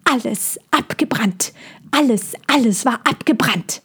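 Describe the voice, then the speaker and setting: A hissing, scolding male bird from a storybook, stern and territorial, guarding his patch with a high, sharp voice, as a woman puts him on. His lines come out strained and raised well above a plain speaking voice. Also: lively intonation, unhurried, husky, full character voice. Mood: hostile.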